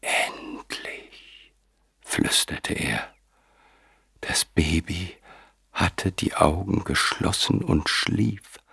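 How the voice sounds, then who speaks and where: A man reading an audiobook in a measured, wry storytelling manner. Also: sits low, creaky, a bit bright, breathy edge, dry recording, studio quality. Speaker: audiobook narrator. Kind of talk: scripted narration.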